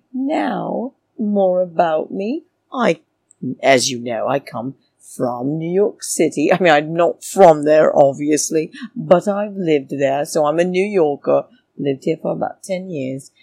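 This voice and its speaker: A woman's voice: sits low, expressive, measured pace, vocal fry, warm tone, slightly rough. A middle-aged British woman hosting a chatty comedy podcast with a flirtatious, theatrical femme fatale drawl and cheeky, crude teasing. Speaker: podcast host.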